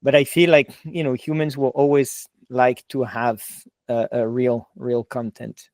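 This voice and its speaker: A podcast host with a French accent talks in an easy, chatty way. He is enthusiastic and fills his sentences with "like" and "you know". His medium-pitched voice is recorded close and dry. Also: level tone, a little slow, darkish tone, no echo. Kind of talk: casual interview chat.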